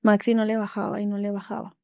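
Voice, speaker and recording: A woman's voice: medium pitch, completely flat delivery, quick pace, creaky, a little mellow, no room sound, clean studio sound. A young Mexican woman retelling a hard episode, acting out the dialogue and laughing between lines. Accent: Mexican Spanish. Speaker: interview guest. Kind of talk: candid storytelling.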